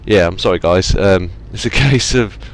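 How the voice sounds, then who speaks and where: A man's voice: low-pitched, normal speed, a little hiss or hum. A man chatting casually through a trucking game, rambling and apologizing with self-deprecating asides. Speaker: gaming channel host. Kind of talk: casual let's-play commentary. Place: home gaming setup.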